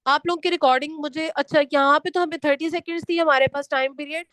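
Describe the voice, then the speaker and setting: A young woman teaching a spoken English class online, switching between Hindi-Urdu and English and slowing down for the English lines. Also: high-pitched, fairly even intonation, a bit bright, no room sound.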